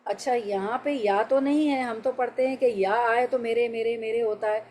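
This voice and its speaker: A woman's voice: a little high, steady tone, a little mellow, slight background noise. A middle-aged woman teaching a religious lesson, patiently explaining verses step by step and checking in with her class. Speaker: Quran teacher.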